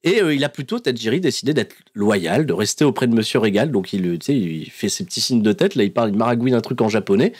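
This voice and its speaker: Animated, chuckling podcast host. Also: male voice, medium pitch, fast, hardly any pauses, husky. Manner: animated storytelling, laughs often, many fillers. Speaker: podcast host recapping wrestling episodes. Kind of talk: casual recap chat.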